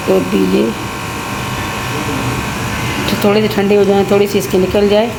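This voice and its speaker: A woman's voice: medium pitch, level tone, moderate pace, vocal fry, noisy background. A woman narrating her cooking chores for a home vlog in a matter-of-fact, step-by-step way. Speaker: vlogger.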